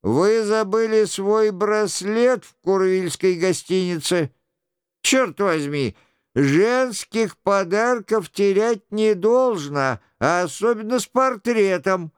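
A man's voice: high-pitched, smooth, no echo, clean studio sound, pitched above the performer's own voice. A man reading the part of a cheerful, dashing young nobleman with a ringing, jovial voice in a storybook reading. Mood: hailing.

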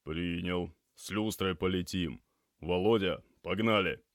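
A man voicing a male emergency doctor who gives terse, steady instructions. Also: low voice, measured pace, dry recording, studio quality.

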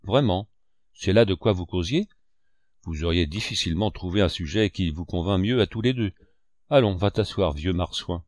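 A sly, one-legged innkeeper full of bluster and showy outrage, as a male audiobook reader puts him on. He speaks in a fairly low voice with a bluff, hearty manner that hides his scheming. The sound is dry and close, as in a storybook reading. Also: normal speed, darkish tone, dry recording, natural voice. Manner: bluff, blustering, theatrical indignation.

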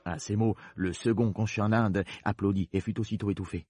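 Male storybook narrator, deep husky voice, measured, dry booth. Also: steady tone, a little mellow, dry recording.

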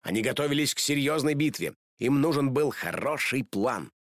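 A man reading a children's storybook aloud in an animated, expressive way. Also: medium pitch, moderate pace, dry recording, clean studio sound. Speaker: narrator.

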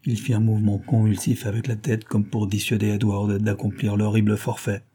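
A man narrating an adventure novel in a steady, even way as an audiobook reader. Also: lowish voice, brisk, slightly rough. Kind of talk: scripted narration.

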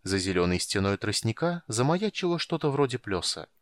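A man narrating an adventure audiobook with a steady, dramatic delivery. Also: fairly low pitch, brisk, no echo, clean studio sound. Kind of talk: audiobook reading.

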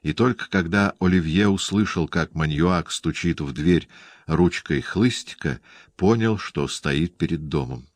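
A man narrating an audiobook in a measured, even reading style, recorded on a close studio mic. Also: deep voice, dry recording.

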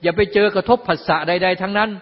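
An older man gives a folksy Buddhist dharma talk, explaining through everyday examples and side remarks. His voice is high and steady and he talks fast, with the lo-fi recording carrying a long hall reverb.

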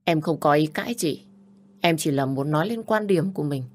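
A woman's voice: deep voice, expressive, fairly quick. A woman voicing a stubborn, guarded young woman. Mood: cold. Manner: curt, guarded.

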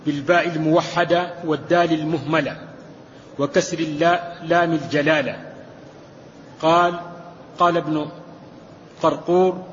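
Student reader, male, measured recitation, faint hiss behind, hall reverb. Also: on the high side. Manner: steady measured recitation of the text. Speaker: student reading the text aloud. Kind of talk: reading a classical commentary aloud. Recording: dull recording with long hall reverb.

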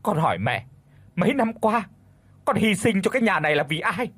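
A man's voice: on the high side, very animated, normal speed, husky, dry recording, pitched above the performer's own voice. A man voicing a pleading young wife. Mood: anguished anger. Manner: trembling, pleading, tearful.

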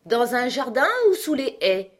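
A woman reading an audiobook, voicing a muddled, fussy queen who rambles in gentle, dithering explanations. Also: on the high side, lively intonation, unhurried, voice pushed up.

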